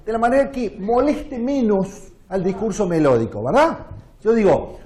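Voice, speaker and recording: Argentine male music lecturer, high animated voice, audience-focused. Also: normal speed. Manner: animated, demonstrative, addresses audience with questions. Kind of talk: lecture with sung and recited examples. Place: lecture hall.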